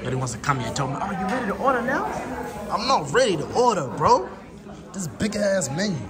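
A man's voice: high voice, big pitch swings, fast talker, loud music behind the voice. A young man vlogging into a phone in a restaurant, muttering agitated and swearing a lot. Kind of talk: casual vlog, talking to camera. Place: busy indoor restaurant. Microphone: phone camera held at arm's length. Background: diners chatting.

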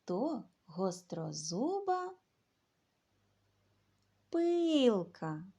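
A woman teaching a children's literacy lesson, speaking to young pupils in a slow, sing-song way. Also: on the high side, sing-song, warm tone.

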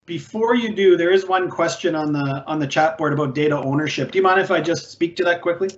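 A man's voice: a little high, fast talker. A man in his forties speaking on a video call panel about ag technology, conversational, with many fillers and restarts. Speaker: ag tech company representative. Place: indoors, virtual background. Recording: dull lo-fi video call audio.

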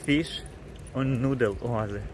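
A travel vlogger chats casually with viewers in an upbeat video shot outdoors in a seaside town. His voice is mid-range and unhurried, and street noise can be heard around him.

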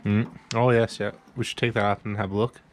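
A man's voice: on the low side, little pitch movement, a little fast, slight background noise. A man in his thirties from Newfoundland, hosting a casual shop vlog with laid-back, joking banter in a small garage workshop. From Newfoundland, Canada. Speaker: vlog host.

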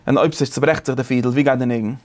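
A man teaching a casual study lesson, animated and thinking aloud with many restarts. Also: mid-range voice, rapid-fire.

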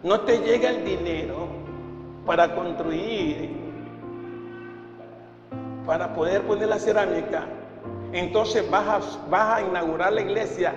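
In a reverberant large church hall, an older Ecuadorian pastor gives an impassioned sermon to the congregation in a very high voice, emphatic, repeating phrases and posing rhetorical questions. He speaks slowly and pauses often. His handheld mic runs through the PA, music is clearly present behind him, and the highs are cut off.

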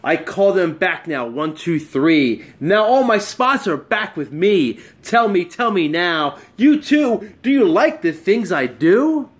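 A man performs a heavily acted, very animated turn as a storybook's eager spotted animal, his high voice moving slowly with hardly any pauses. Boastful and pleading, the character shows off magic tricks in a small, bright room at home.

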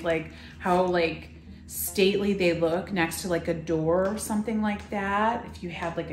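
A woman's voice: on the low side, roomy sound. A woman in her thirties hosting a casual product showcase in a shop, talking enthusiastically with lots of fillers. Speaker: shop host presenting items for sale. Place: indoor shop room full of farmhouse decor.

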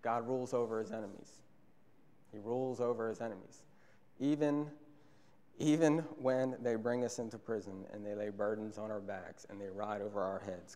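Earnest young preacher in a reverberant church. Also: male voice, on the low side, mellow. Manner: earnest, repeats key phrases for emphasis. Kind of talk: sermon. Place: church sanctuary, at a pulpit. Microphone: pulpit microphone on a stand. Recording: long church hall reverb.

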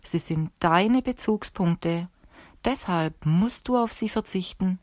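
A woman reading the lines of a calm, stern old male sorcerer teacher in a measured, instructive way for an audiobook. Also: on the low side, dry recording, studio quality.

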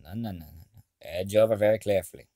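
A man's voice: fairly low pitch, fast talker, dark tone, dry recording, studio quality. A man doing casual gaming commentary, muttering to himself as he plays. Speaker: gamer recording gameplay.

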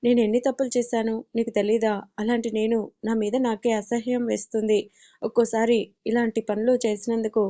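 A woman's voice: fairly high pitch, little pitch movement, normal speed, dark tone, dull audio, lightly acted. A woman narrator voicing a tearful young woman, hesitant and sorrowful, ashamed of her past.

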